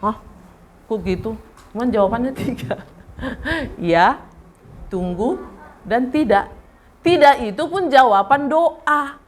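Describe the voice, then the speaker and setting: Woman pastor preaching a lively sermon. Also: on the high side, slow pace, pauses often, slight background noise. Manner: animated, questions the congregation directly. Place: church service.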